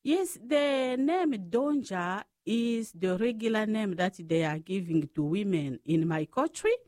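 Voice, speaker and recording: Slow-speaking Congolese-born woman. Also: medium pitch, expressive, a little mellow, no room sound, clean studio sound. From Democratic Republic of the Congo. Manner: slow, careful storytelling. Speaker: guest, Franciscan sister. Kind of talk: radio interview.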